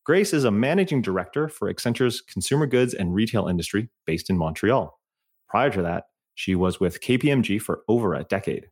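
A man's voice: lowish voice, lively intonation, a little fast, slightly rough. A man hosting a podcast interview, talking in a friendly, conversational way. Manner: friendly, conversational with filler phrases. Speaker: podcast host.

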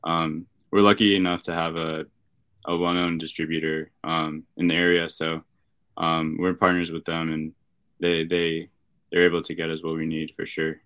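Low, flat-toned laid-back young man. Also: moderate pace, dry recording. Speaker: podcast guest, card shop worker. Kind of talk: casual chat.

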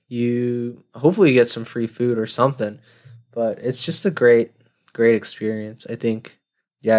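A young man in his twenties talks through a relaxed solo podcast episode. His voice sits at a middle pitch, and he rambles and doubles back on himself. He often laughs at his own jokes. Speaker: podcast host. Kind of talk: casual solo monologue.

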